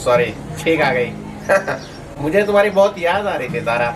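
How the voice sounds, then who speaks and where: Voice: mid-range voice, animated, measured pace, distant mic, loud music behind the voice, rough recording. A man putting on a giggly child friend on the phone. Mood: cheerful. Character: cheerful little friend on the phone.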